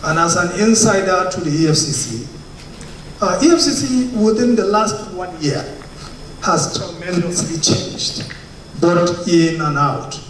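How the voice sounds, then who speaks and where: A man with a Nigerian English accent giving formal remarks, pausing with fillers. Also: high voice, big pitch swings, a bit bright, heavy reverb, far from the mic, a little hiss or hum, low-quality recording. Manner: hesitant with fillers. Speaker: institute president.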